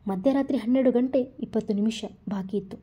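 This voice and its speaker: A woman storyteller reading a story aloud with even, expressive narration. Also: on the high side, brisk, breathy edge. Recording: dull lo-fi recording.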